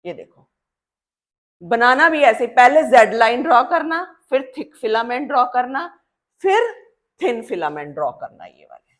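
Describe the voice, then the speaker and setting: A woman with a fairly high voice teaches a biology lesson while drawing a diagram. She keeps asking her students questions and then answers them herself. She drills each key term slowly, saying it more than once. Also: big pitch swings.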